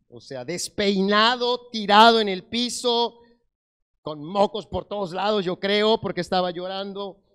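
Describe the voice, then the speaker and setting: High-voiced pastor telling his testimony. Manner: animated storytelling, swings from loud to hushed. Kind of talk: sermon testimony.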